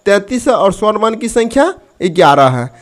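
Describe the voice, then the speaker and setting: A man teaching a grammar lesson. He asks his students questions, answers them himself, and drawls the key terms slowly. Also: high voice, sing-song.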